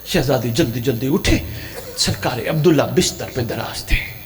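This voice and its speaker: A man's voice: medium pitch, a crowd in the background. A man, preaching an emotional mourning sermon with impassioned, sing-song chanting that swells suddenly. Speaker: Shia religious preacher. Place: religious gathering in Punjab.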